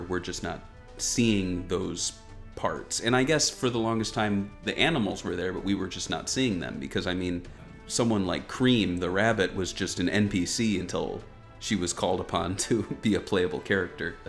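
A man with a low, creaky voice hosts a gaming news show, riffing on a video game trailer at a moderate pace with casual, wry jokes. Background music runs under his voice.

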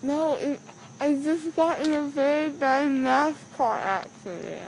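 Teen girl, high-pitched and slow, slurred bloody-mouth speech around gauze, groggy and tearful. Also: creaky, a little mellow. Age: teenager, fourteen. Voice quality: muffled, slurred speech through a mouth packed with gauze after tooth surgery. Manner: groggy, childlike, tearful insistence. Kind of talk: casual chat. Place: outdoors, then inside a car. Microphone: phone held close. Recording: faint noise, handheld phone recording.

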